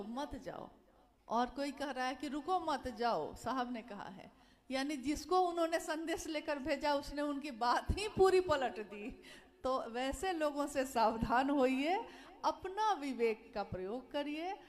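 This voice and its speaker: High-voiced woman preaching earnestly. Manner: earnest and exhorting, repeats phrases, acts out quoted speech. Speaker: religious speaker. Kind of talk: devotional sermon to a gathering.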